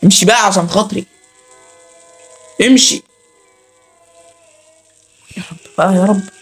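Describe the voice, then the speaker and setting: A man with an Egyptian Arabic accent hosts a let's play for his gaming channel, chattering nervously to viewers and pleading with the game character. His voice is high and fairly bright, slightly rough, at a normal speed.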